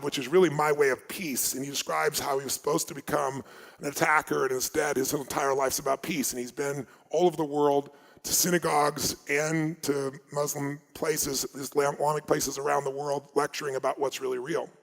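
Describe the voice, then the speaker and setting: A man's voice: on the high side, flat delivery, fairly quick, gravelly. Emphatic man speaking in a reverberant hall. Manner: emphatic, swings between loud urging and hushed asides. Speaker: motivational speaker. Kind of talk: live seminar storytelling.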